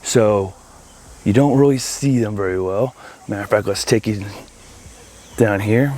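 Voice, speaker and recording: A man with a fairly low, warm voice leads an unhurried, informal video tour of a project he installed as an audio-video installer. He's outdoors by a backyard pool, chatting enthusiastically to the camera, with a little hiss or hum in the audio.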